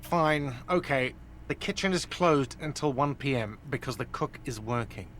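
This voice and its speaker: A man's voice: medium pitch, expressive, normal speed, fairly bright tone, slight background noise, close to an everyday voice. A man voicing an irritable, sarcastic male cafeteria manager in a video game. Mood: irritated. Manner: sarcastic, curt.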